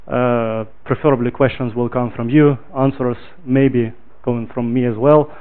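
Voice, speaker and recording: A man's voice: mid-range voice, normal speed, smooth. A man from Ukraine giving a technical talk at a meetup, speaking English with frequent "uh" fillers. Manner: relaxed, filler-heavy, loud when projecting to the room. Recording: tinny phone-like audio.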